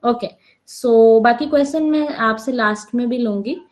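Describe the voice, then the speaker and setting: A woman's voice: a little high, moderate pace, a little mellow. A woman with a Pakistani Urdu accent teaching an online workshop, explaining step by step, mixing English terms into her Hindi-Urdu and often checking in with her listeners. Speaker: psychology workshop trainer.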